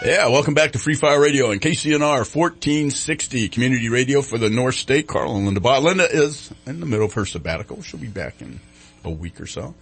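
A male radio host chats casually in a folksy way from a studio. His voice is mid-pitched and a little husky. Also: expressive, fairly quick, fairly bright tone, soft background music. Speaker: radio talk show host. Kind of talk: casual live radio chat.

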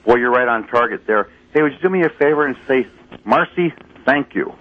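A man's voice: mid-range voice, lively intonation, a little fast. A man calling in to a talk radio show over the phone, hearty and gung-ho. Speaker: caller. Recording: muffled phone line with faint hiss.

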